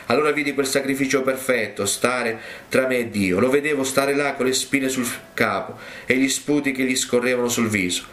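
A man preaching a sermon, telling a testimony in an earnest, measured way. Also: medium pitch, fairly bright tone. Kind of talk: sermon storytelling.

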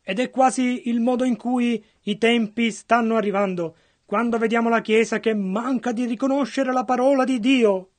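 High-voiced man interpreting a sermon. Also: steady tone, normal speed. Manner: earnest, follows the preacher's phrasing closely.

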